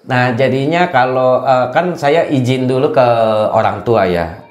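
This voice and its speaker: A man at medium pitch and a measured pace tells his story as a guest in a casual testimony interview. He sounds hesitant, using lots of fillers and tag questions, and the recording has a roomy echo.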